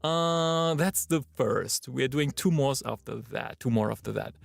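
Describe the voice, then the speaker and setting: A male voice actor, chatting and thinking out loud during a live-streamed recording session in his booth. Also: medium pitch, unhurried, gravelly, no echo. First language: German. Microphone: booth microphone.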